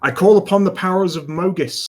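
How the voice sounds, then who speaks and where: A man's voice: high voice, fairly quick, a little mellow, voice pushed up, lightly acted. A man plays a mustache-twirling villain in a tabletop fantasy game. He is a pompous, charismatic barbarian ruler. His voice crackles in the throat as he grandly proclaims himself. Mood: sly, grandiose.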